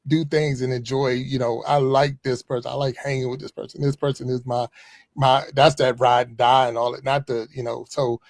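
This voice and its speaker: Fifties guy, former pastor guesting on a podcast, gravelly voice, laid back and chatty, dry close sound. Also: mid-range voice, moderate pace, dry recording. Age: 50s. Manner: relaxed, chatty, frequent chuckles and asides. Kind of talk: casual conversational interview.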